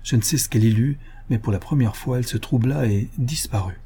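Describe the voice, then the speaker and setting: A man narrating a classic novel in a measured, expressive first-person reading. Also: mid-range voice, breathy edge. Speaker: audiobook narrator. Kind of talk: literary audiobook narration.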